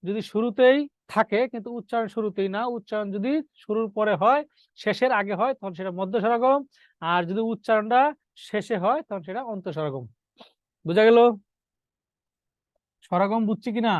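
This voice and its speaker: A man's voice: high-pitched, normal speed, long pauses, no echo, highs cut off. A male teacher, giving a classroom grammar lesson, repeating key terms and quizzing his students.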